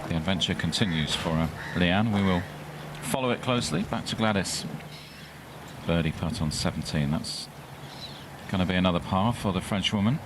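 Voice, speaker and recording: Male golf commentator, low-pitched, measured live sports delivery, clear outdoor noise behind.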